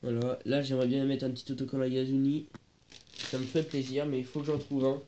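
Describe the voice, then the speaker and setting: Though he talks fast in a dark, level, mid-range voice, this teenage vlogger with a stuffy cold still sounds hesitant and searches for words. He records his moped work on a phone, handheld and then propped, for a casual workshop vlog. The phone audio is dull, noisy, and lo-fi.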